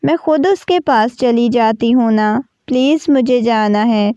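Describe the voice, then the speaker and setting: A woman's voice: on the high side, mellow, clear, resonant tone, no echo, dull audio, lightly acted. A woman voicing a young new mother who keeps pleading tearfully in a storybook reading. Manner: pleading, insistent.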